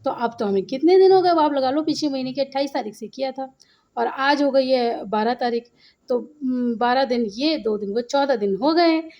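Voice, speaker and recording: A woman's voice: high voice, moderate pace, darkish tone. A middle-aged woman from India chatting casually and animatedly to her viewers in a home vlog. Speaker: vlogger. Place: at home, indoors.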